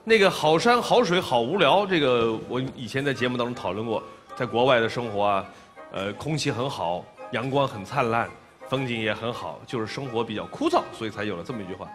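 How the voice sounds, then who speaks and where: A man's voice: medium pitch, lively intonation, a little fast, fairly bright tone, long reverb tail, soft background music. A middle-aged man hosting a dating show on a studio stage, speaking off the cuff into a headset mic.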